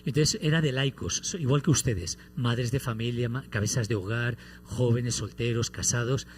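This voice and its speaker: A man's voice: medium pitch, moderate pace. A man, a priest preaching a homily, telling stories with playful humor. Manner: animated storytelling with playful humor.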